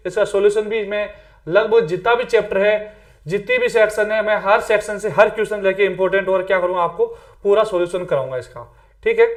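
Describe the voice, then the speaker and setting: A man with a fairly high voice gives a casual coaching lecture to exam candidates. He talks in a loose, conversational way, mixing English terms into his speech and checking in with "theek hai" as he goes. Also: fairly quick. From Rajasthan, India. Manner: chatty, repeats "theek hai", mixes English words.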